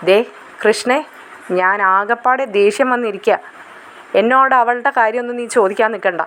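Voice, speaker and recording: A woman's voice: a little high, normal speed, a bit bright, a little hiss or hum, close to an everyday voice. A woman voices a distressed young woman in a retold family drama. She answers curtly and snaps at anyone who asks questions. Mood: irritated. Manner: snappish, brushing others off. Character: young woman, upset, curt and irritable.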